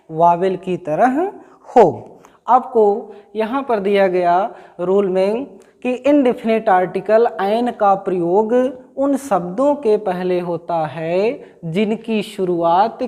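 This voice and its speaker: Slow, questioning woman teacher. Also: medium pitch, mellow. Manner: asks questions and answers them herself, repeating key words. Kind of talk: classroom grammar lesson.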